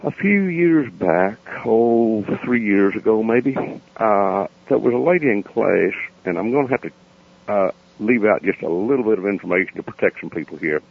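A man with an Appalachian accent telling stories off the cuff as a radio interview guest, folksy, plain-spoken and unhurried. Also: on the low side, expressive, creaky, breathy edge. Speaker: interview guest, founder of a foundation. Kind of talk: unscripted storytelling in a radio interview. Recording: dull lo-fi radio interview sound.

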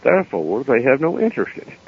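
A man with an Appalachian accent telling stories off the cuff as a radio interview guest, folksy, plain-spoken and unhurried. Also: medium pitch, huge pitch swings, husky. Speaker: interview guest, founder of a foundation. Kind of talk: unscripted storytelling in a radio interview. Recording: dull lo-fi radio interview sound.

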